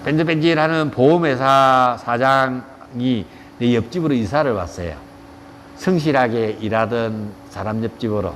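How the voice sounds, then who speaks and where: A man's voice: mid-range voice, normal speed, a little hiss or hum. A middle-aged man with a Gyeongsang accent, giving a yoga lecture and telling joking stories in coarse, blunt language. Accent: Gyeongsang Korean. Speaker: yoga teacher. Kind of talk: casual lecture with anecdotes. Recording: reverberant room with faint ambience.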